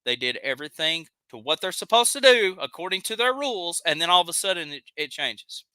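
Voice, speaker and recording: Southern guy hosting a live stream, kinda fired up, reads chat out loud, crisp and dry. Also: fairly high pitch, sing-song, fairly quick, no echo. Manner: heated, reads chat comments aloud. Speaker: live show host. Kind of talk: ranting live stream commentary.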